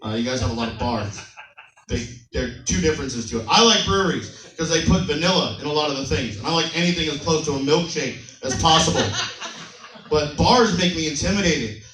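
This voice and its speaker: A man's voice: on the high side, animated, brisk, fairly bright tone. A young adult man doing stand-up comedy in a club, brash and profane, telling playful stories. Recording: roomy club sound, mic a bit distant.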